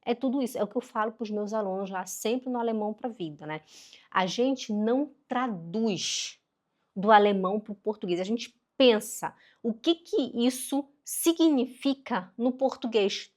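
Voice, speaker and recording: A middle-aged woman giving a casual online language lesson, chatty and animated, slowing down carefully to model pronunciation. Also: a little high. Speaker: German teacher.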